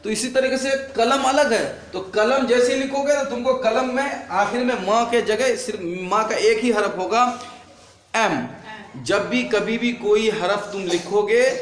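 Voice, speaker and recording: A man's voice: very high voice, a little slow, reverberant. A man teaching a spelling lesson to a class, drilling words and asking his pupils questions over and over.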